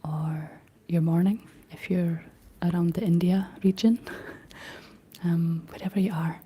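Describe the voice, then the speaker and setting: With a slight frog in her throat, a young Scottish ASMR host whispers softly and takes her time going through viewer comments. Her voice is husky, steady in tone and deep for a woman.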